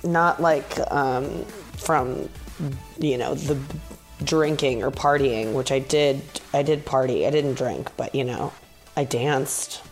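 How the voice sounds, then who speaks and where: Female podcast host, low register, vocal fry, weary, candid and self-deprecating, casual rambling delivery. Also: takes it slowly, soft background music. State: tired from travel and talking. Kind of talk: casual solo podcast monologue. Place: bedroom in a condo, sitting in bed.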